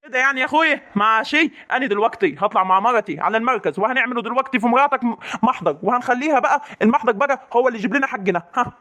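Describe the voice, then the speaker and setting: Man voicing an indignant Egyptian young husband, very high voice, rapid demanding talk, comic family drama. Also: bright, forceful tone. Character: angry young husband defending his wife.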